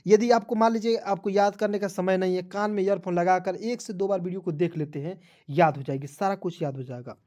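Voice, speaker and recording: A man's voice: high voice, fairly quick, dark tone. A man teaching English pronunciation in a video lesson, drilling each rule again and again and addressing viewers as friends.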